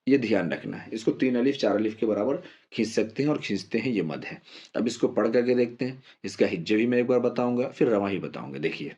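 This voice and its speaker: Patient man spelling out syllables slowly. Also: on the low side, lively intonation, darkish tone, husky, lo-fi sound. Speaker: Quran recitation teacher. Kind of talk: step-by-step spelling lesson.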